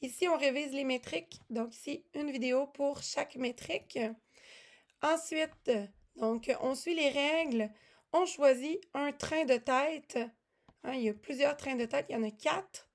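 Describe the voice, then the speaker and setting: A woman presenting music teaching resources walks through lesson materials casually and without hurry. Her slightly high voice is chatty, full of fillers, restarts and self-corrections.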